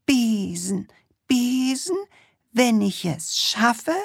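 A woman voicing a forgetful, flustered female witch in a storybook, chanting spells in a slow sing-song. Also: a little high, lively intonation, vocal fry, husky, dry recording, studio quality, pitched above the performer's own voice, exaggerated voice. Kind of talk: storybook reading.

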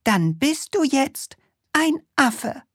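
A woman voicing a forgetful, flustered female witch in a storybook, chanting spells in a slow sing-song. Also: high voice, big pitch swings, fairly bright tone, no echo, clean studio sound, voice pushed up, full character voice. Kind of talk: storybook reading.

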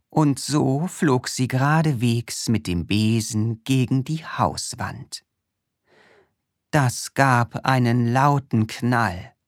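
A woman reading a children's story aloud in a slow, expressive way. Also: rumbling low, no room sound, clean studio sound.

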